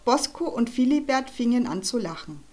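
Woman reading kids story out loud, lively, bit higher voice. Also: normal speed. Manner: lively, expressive. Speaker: audiobook reader. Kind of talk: children's book narration.

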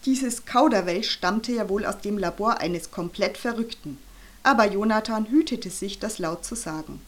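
A woman reading a children's audiobook aloud with expressive storytelling. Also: medium pitch, moderate pace. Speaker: narrator. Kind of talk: audiobook narration.

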